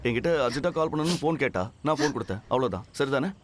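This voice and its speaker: A man's voice: mid-range voice, lively intonation, very fast, a little hiss or hum, close to an everyday voice. An actor playing an irritable young man who defends himself in an exasperated tone.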